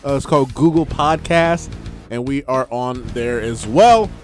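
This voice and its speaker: A man hosting a casual sports radio show, animated and laughing often. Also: mid-range voice, unhurried, faint music behind. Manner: animated, laughs often, hype announcer delivery.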